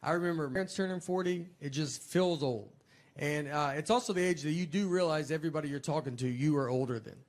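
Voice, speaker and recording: A man's voice: on the high side, fast talker, a little hiss or hum. Laid-back man in his forties, stand-up. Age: 40s. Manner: laid-back, understated storytelling with many "like" fillers. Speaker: stand-up comedian. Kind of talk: stand-up routine.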